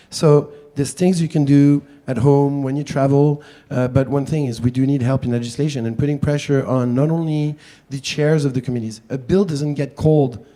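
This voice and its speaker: A man with a French accent talks to a public panel in a soft-edged, mellow tone. His delivery is chatty and self-deprecating, like an activist explaining things informally. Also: mid-range voice. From France. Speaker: panel speaker, wildlife activist.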